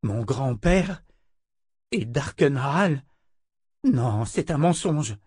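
A man's voice: mid-range voice, animated, extremely slow, a little mellow, breathy edge, no room sound, clean studio sound, voice pushed up, exaggerated voice. A man reading an audiobook, voicing a defiant young man who argues and pleads. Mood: shaken. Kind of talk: audiobook character voice.

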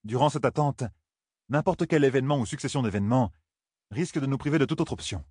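A man's voice: medium pitch, quick pace, a little mellow, husky, no room sound, studio quality, voice pushed up, lightly acted. A man voicing a precise, strictly logical woman in an audiobook. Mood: reasoning. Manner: precise, reasoning. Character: cold, strictly logical woman, a queen-like leader.

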